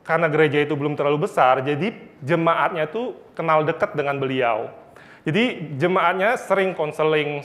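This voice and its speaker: Male Bible teacher, high voice, earnest storytelling sermon. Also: a bit bright. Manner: earnest, storytelling with repeated phrases.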